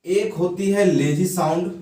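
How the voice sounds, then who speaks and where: A man's voice: high voice, measured pace, warm tone, roomy sound, distant mic. A man teaching English grammar in a classroom lesson. He puts questions to the students, answers them himself, and has them repeat words after him.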